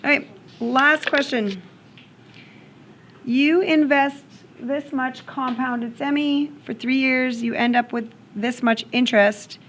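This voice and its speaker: A woman's voice: high-pitched, fairly even intonation, takes it slowly, a bit bright, slight background noise. A woman teaching math to a class in a classroom, working problems aloud and often checking in with "okay?". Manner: checks in with questions, frequent "okay?". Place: classroom with students.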